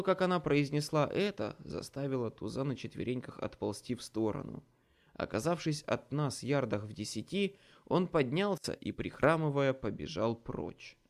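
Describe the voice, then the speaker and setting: Guy narrating a fantasy audiobook, dramatic, lots of movement in his voice. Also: mid-range voice. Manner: dramatic, expressive storytelling. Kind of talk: scripted first-person audiobook narration.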